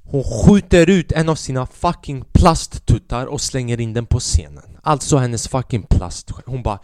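A man's voice: mid-range voice, a little mellow, no echo, clean studio sound. A young man, a podcast host and stand-up comedian, telling a rambling, profane story in a casual monologue.

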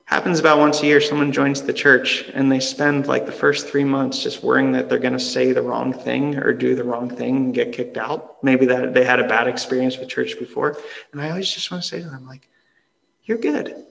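Gravelly-voiced male pastor preaching. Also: mid-range voice, flat delivery, big-room sound, poor audio. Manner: earnest, conversational preaching that drops to soft, slow emphasis. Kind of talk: sermon.

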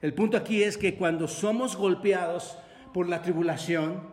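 High-voiced Mexican pastor preaching in a hall. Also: male voice, moderate pace, a little mellow. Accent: Mexican Spanish. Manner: preaching with call-and-response questions to the congregation. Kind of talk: sermon. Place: church hall. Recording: echoey church hall with long reverb.

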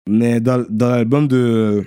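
A man's voice: mid-range voice, steady tone, slow pace, dark tone, clean tone. A man in casual chat, slangy and repetitive, mixing in English words. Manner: slangy, mixes English into French, repeats himself. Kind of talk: casual chat about rap.

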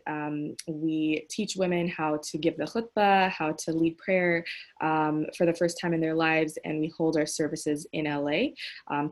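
Soft-toned woman hosting, filler-heavy. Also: sits low. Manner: hesitant, many fillers. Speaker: host, mosque founder. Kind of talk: casual online panel hosting.

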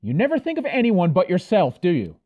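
Dude doing a fired-up heroic knight, high voice jumping all over, bit muffled. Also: male voice, huge pitch swings, brisk, exaggerated voice. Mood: indignant. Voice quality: impassioned, indignant. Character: dashing heroic knight, earnest and hot-headed.

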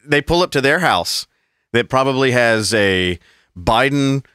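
On a casual podcast, this co-host tells long, rambling, swear-filled stories and puts on mocking voices for quotes. His mid-range voice is expressive, unhurried and a bit bright, with a clean tone in a studio-quality recording free of room sound.

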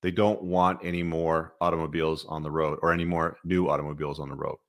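Male livestream host, very low voice, informal and opinionated, casual conversational commentary. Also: flat delivery, quick pace. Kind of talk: casual live commentary to viewers.

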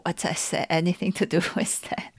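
A woman from Taiwan with a Taiwanese accent, a tea seller chatting casually and tasting tea, animated and giggly as she tells stories. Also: normal speed, no echo.

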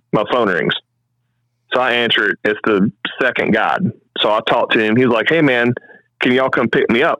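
Casting: man from the Midwest, animated storyteller, dry close sound, slightly dull audio. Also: mid-range voice, no room sound. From American Midwest. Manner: animated, quick storytelling with acted-out quotes. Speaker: podcast host telling a hunting story. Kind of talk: casual storytelling.

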